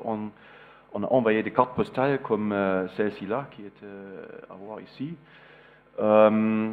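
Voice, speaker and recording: A man from East Germany lecturing in French as a non-native speaker, with a German accent, halting as he searches for words. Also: fairly low pitch. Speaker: visiting architect lecturer. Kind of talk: public lecture with slides. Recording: narrow, phone-like sound.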